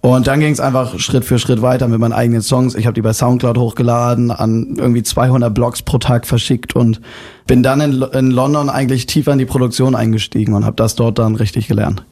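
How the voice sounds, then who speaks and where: A man. He is a DJ and producer, a guest in a radio interview, and he talks in a relaxed way with plenty of fillers. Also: mid-range voice, fairly quick. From Hamburg, Germany. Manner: relaxed, talkative, many fillers.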